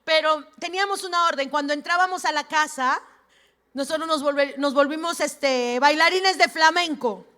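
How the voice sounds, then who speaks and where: Woman pastor, Peruvian accent, high voice, animated church storyteller. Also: moderate pace. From Peru. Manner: animated, acts out family members' voices. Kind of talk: sermon with storytelling. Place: church hall.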